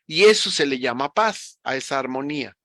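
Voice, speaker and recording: A man's voice: medium pitch, animated, normal speed, pushed and bright, dry recording, studio quality. A man from Mexico, explaining ideas in a reflective, teacherly way with frequent restarts. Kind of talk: conversational explanation.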